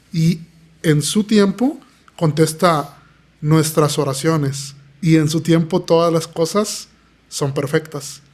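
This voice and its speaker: A man with a fairly high, somewhat dark voice, a pastor sharing his testimony in a podcast interview. He speaks earnestly in a preaching tone and acts out the voices of people he quotes.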